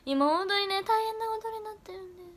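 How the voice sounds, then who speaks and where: Young woman, high bright voice, casual livestream chat, answers comments, slips into soft whispers, webcam mic. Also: fast talker. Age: young adult. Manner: chatty, often dropping into soft whispers. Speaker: idol trainee livestreamer.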